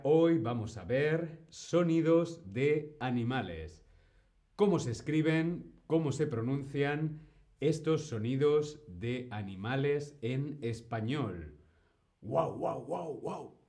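A man teaching on a live stream, speaking slowly and clearly and greeting viewers in the chat by name. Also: mid-range voice, darkish tone. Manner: slow, clear, greets chat by name, imitates animal sounds. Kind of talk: live-stream language lesson.

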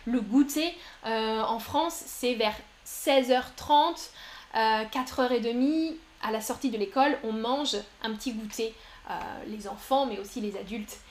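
A woman with a high voice teaches French on a live stream. She reads out viewers' answers from the chat one after another and praises each of them. Her delivery is encouraging and upbeat. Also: unhurried, slight background noise. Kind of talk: live-streamed language lesson.

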